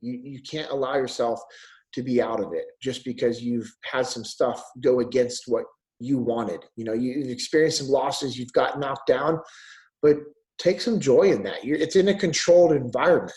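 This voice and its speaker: A man's voice: mid-range voice, normal speed, a little mellow, rough recording. A man in his thirties telling a story about his family on a podcast, acting out bits of the conversations. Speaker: podcast guest. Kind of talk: casual conversation.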